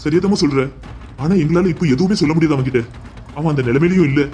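Resigned older father for a cartoon, a man voicing him, low and subdued. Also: fast, darkish tone, faint music behind, close to an everyday voice. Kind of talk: Tamil cartoon voice acting.

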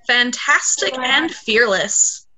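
A woman on a group video call leading children in a call-and-response prayer, saying short phrases and pausing for repetition. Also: on the high side, expressive, a crowd in the background, low-quality recording.

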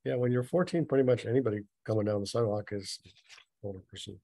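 A man's voice: on the low side, quick pace, creaky, mellow, no room sound. A man reading a story aloud and mocking it with sarcastic, nitpicking asides. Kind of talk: sarcastic dramatic reading with commentary.

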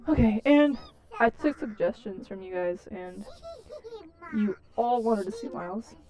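A woman's voice: medium pitch, expressive, measured pace, poor audio. A woman with a lisp chatting nervously and self-consciously as she plays a life-sim game. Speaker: let's play gamer. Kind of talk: casual game commentary.

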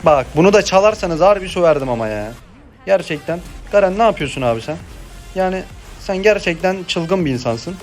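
A young man talks over his own mobile game match. His voice sits a little high, and he moves from easy, chatty remarks to excitable bursts of play-by-play. Game music plays faintly underneath. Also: a little fast. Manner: excitable, swings between chatty asides and shouted play-by-play. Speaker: gameplay streamer. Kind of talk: live gameplay commentary.

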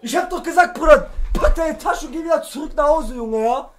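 A young man co-hosting a gaming stream, complaining and shouting back at his partner. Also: very high-pitched, fairly quick. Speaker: streamer co-host. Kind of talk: loud gaming stream banter.

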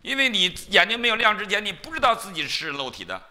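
Male pastor giving a sermon, very bright forceful voice, animated storyteller. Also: high-pitched, quick pace. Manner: animated storytelling, acting out biblical quotes. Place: church.

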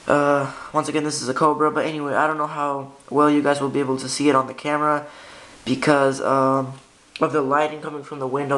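This is a hobbyist walking through his radio gear in a casual, off-the-cuff way, with frequent hesitations and self-corrections. His voice sits at medium pitch and sounds a bit bright. He records in a room by a window using a handheld camera's built-in mic, so the audio is noisy and clicky.

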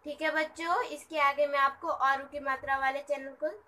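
A woman's voice: high voice, level tone, moderate pace, pushed and bright, rough recording. A woman teaching children to write and read words, sounding each one out syllable by syllable. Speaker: teacher of a kids' channel. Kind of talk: children's writing lesson.

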